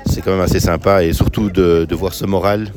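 Casting: middle-aged Belgian man, low and halting, outdoor interview. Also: fairly even intonation, very noisy. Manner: halting, many restarts. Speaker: volunteer. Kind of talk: street interview. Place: outdoors at an evening barbecue.

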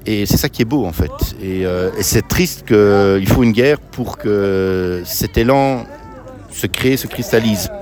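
Man, middle-aged, from Belgium, low voice, restarts often, interviewed outdoors. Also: darkish tone. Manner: halting, many restarts. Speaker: volunteer. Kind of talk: street interview. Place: outdoors at an evening barbecue.

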